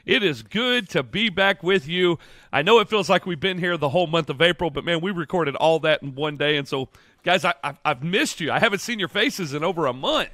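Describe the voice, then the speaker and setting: A man co-hosts a podcast with a friendly, loose, rambling way of talking. His voice sits on the higher side. The sound is dry and close, with no room echo. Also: lively intonation, a little fast, sharp tone. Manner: friendly, rambling, announcing events. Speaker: podcast co-host. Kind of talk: casual podcast chat.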